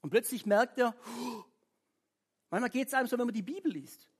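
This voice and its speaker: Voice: mid-range voice, moderate pace, slightly rough. A middle-aged preacher giving a casual devotional talk, chatting with listeners and reading scripture aloud between remarks. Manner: chatty, keeps asking "ja?" of listeners.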